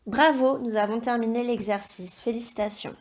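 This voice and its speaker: A woman teacher recording a video lesson for young children, dictating words slowly and clearly and encouraging the child. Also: fairly high pitch, fairly even intonation. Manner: slow, clear dictation with stretched syllables; encouraging, addresses the child directly. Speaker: primary school teacher.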